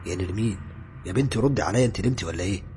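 A man's voice: deep voice, rapid-fire, noisy background, natural voice. A man doing a joking Egyptian coworker. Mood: friendly. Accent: Egyptian Arabic. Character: friendly young male colleague, joking and easygoing.

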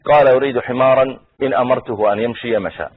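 A man giving a conversational religious lesson, briefly voicing the people he quotes, his voice husky. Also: mid-range voice, fairly even intonation, fast. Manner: conversational, acts out quoted speakers. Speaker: preacher. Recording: tinny phone-like recording.

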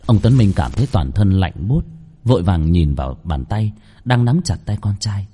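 A man's voice: deep voice, sing-song, normal speed, mellow, slightly rough. A man narrating a horror story in a dramatic, suspenseful way.

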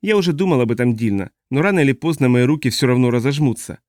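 A man's voice: mid-range voice, expressive, fast talker, a little mellow, no echo, studio quality, natural voice. A man reading the part of a badly injured man hanging from a cliff, speaking in a weary, strained voice. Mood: exhausted. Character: injured man clinging to a cliff, exhausted and frightened.

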